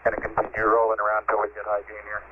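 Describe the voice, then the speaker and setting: A man's voice: lowish voice, completely flat delivery, fast, slight background noise. An American man, an astronaut, speaking procedurally over a walkie-talkie style two-way radio. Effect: two-way radio, walkie-talkie sound. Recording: tinny narrow-band archival spacecraft radio link.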